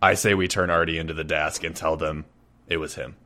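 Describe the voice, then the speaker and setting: A man's voice: very deep voice, fairly even intonation, fairly quick, bright, forceful tone. A man playing a tabletop role-playing game, laughing often and talking through his character's plans. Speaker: player.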